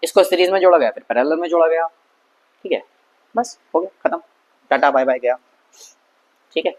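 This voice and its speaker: A man with a slightly higher voice teaches a school science lesson in a casual, conversational tone. He keeps asking questions aloud and answering them himself, sprinkles in English terms and slows down when reading English text. He sounds like a friendly tutor working through a problem on a board. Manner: conversational, asks and answers his own questions; mixes English terms and reads English text slowly.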